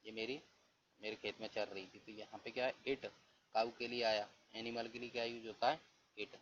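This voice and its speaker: A man teaching English grammar in Hindi, reading English rules out slowly and asking and answering his own questions. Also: mid-range voice, little pitch movement, fairly bright tone. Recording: dull lo-fi recording with faint hiss.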